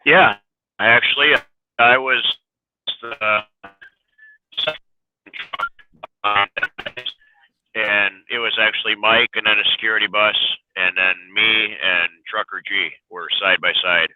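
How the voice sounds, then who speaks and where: A man's voice: fairly low pitch, fairly even intonation, unhurried, pauses often, no echo. A man, a trucker, calling in to an interview, talking bluntly while his phone signal breaks up and cuts in and out. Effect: phone signal breaking up, cutting in and out. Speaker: trucker in a convoy, phoned in as guest. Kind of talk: remote interview over the phone. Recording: tinny, breaking-up phone line.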